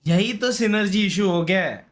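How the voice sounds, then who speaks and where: A man with an Indian accent chats casually with viewers while gaming on a live stream, using slang and repeating himself, often exclaiming or grumbling. His voice is high and his pace is normal.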